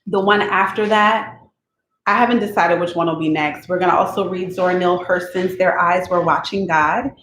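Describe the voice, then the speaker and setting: A woman's voice: fairly low pitch, fairly even intonation, moderate pace, fairly bright tone. A woman hosting a book-reading channel, talking casually and emotionally at home and tagging her sentences with "okay?". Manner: chatty, tags sentences with "okay?"; emotional, openly expects to cry. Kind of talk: casual chat before reading aloud. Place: at home with her cat nearby. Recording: echoey room, faint noise.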